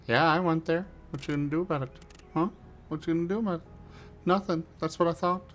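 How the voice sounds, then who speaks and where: A man's voice: a little high, steady tone, fast, a bit bright, soft background music, natural voice. A man voicing a cocky, boastful little cartoon god of death, taunting and theatrical in improvised stream banter.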